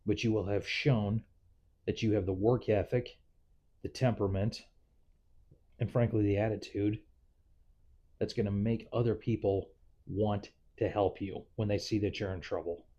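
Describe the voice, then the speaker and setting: A man's voice: on the low side, steady tone, moderate pace, pauses often, mellow, lo-fi sound. A man talking candidly in a casual, rambling, reflective vlog monologue, like a nurse giving advice to newcomers.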